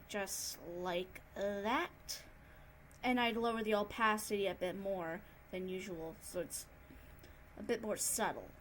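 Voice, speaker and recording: A woman narrating an improvised tutorial in a casual, subdued and somewhat monotone way. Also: mid-range voice, a little hiss or hum, rough recording. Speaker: tutorial host, digital artist.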